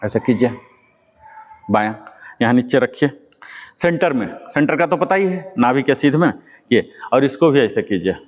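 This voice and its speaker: A man's voice: medium pitch, expressive, normal speed, long pauses. A man leading a yoga class, giving patient step-by-step instructions and quizzing his students. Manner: patient, repeats key words and quizzes students. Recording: long hall reverb.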